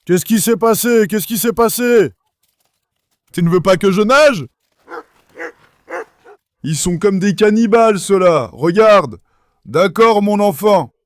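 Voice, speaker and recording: A man's voice: sits high, lively intonation, slow pace, long pauses, dry recording, studio quality. A young man vlogging casually from his backyard pool, calling and coaxing his dogs with affection. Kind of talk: casual vlog chat.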